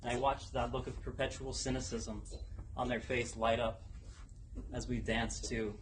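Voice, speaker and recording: Young male storyteller, competition speech. Medium pitch, deliberate dramatic pauses, audible event noise behind. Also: level tone, low-quality recording. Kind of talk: rehearsed personal storytelling speech. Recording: noticeable background noise, live event ambience.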